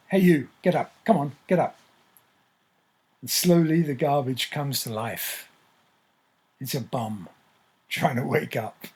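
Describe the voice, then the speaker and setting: A man narrating a scripted story in a measured, descriptive way. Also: on the high side, slightly rough.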